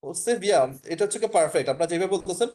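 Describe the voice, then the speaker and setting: A man's voice: high voice, expressive, rapid-fire, a little mellow. A man with a Bangladeshi Bengali accent, teaching an online language class over a video call, explaining patiently, repeating points and often checking that students follow.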